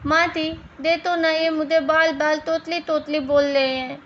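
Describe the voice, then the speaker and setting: A woman's voice: sits high, flat delivery, unhurried, dull audio, a little hiss or hum, voice pushed up. A woman voicing a shy young bride who speaks with a childlike lisp. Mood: complaining. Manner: lisping childlike speech.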